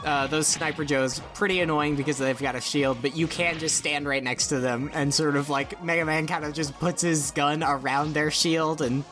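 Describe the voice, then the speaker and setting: A man's voice: fairly high pitch, fairly even intonation, moderate pace, few pauses. A man giving casual, informal game commentary among friends, explaining things as he goes. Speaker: let's play co-host guiding the game. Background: video game music.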